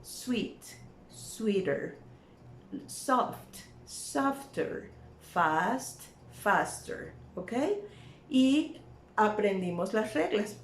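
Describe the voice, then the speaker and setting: A woman's voice: mid-range voice, darkish tone. A woman teaching English grammar in an online lesson, explaining step by step and checking in with her students. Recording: echoey room, faint ambient noise.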